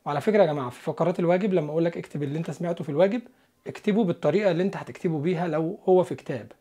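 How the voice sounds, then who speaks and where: A man with an Egyptian Arabic accent teaching an English listening lesson, explaining step by step and slowing down for the English example sentences. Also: fairly high pitch, dark tone. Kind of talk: scripted lesson narration.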